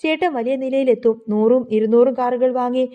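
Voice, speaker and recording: A woman's voice: a little high, moderate pace, muffled recording, close to an everyday voice. Woman voicing an outspoken young wife. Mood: firm.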